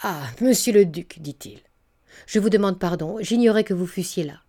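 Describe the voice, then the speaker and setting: A woman's voice: mid-range voice, normal speed, mellow, lightly acted. A woman reading a proud male minister. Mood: courteous.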